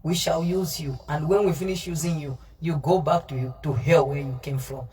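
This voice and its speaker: A woman with a deep, dark voice preaches on a livestream at a steady tone and normal speed, scolding and confronting her listeners and repeating herself. It's a fiery, informal sermon in which she answers live comments and mixes in Pidgin, and she sits at a distance from the microphone.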